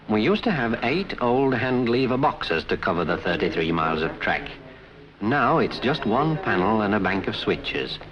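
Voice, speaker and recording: A man's voice: mid-range voice, noisy background. A man narrating a scripted 1950s documentary as a railway official, in a conversational, wry storytelling way. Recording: dull 1950s film soundtrack with music.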